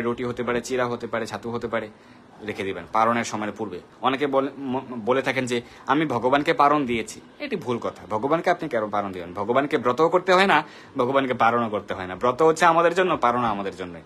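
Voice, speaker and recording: A man hosts a live devotional question-and-answer session, explaining patiently and greeting viewers by name. His voice is mid-range with a fairly bright tone, and a little hiss or hum can be heard.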